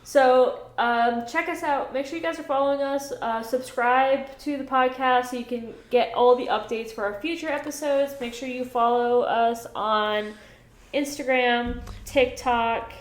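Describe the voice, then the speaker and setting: High-voiced woman in an echoey room. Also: steady tone. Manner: laughing, teasing, quick plugs. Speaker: podcast co-host, dog trainer and business owner. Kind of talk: casual podcast chat.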